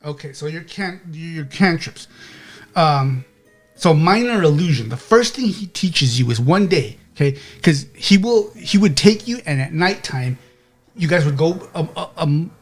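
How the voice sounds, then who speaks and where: A man narrating a tabletop game as game master, rambling and checking in with "okay?". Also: a little high.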